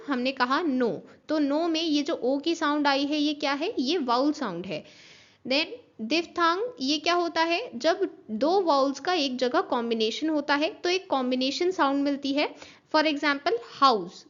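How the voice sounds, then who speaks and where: High-voiced woman teaching a class. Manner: explains step by step, spells out letters, checks in with "understood?". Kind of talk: online class lecture mixing Hindi and English. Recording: dull lo-fi recording.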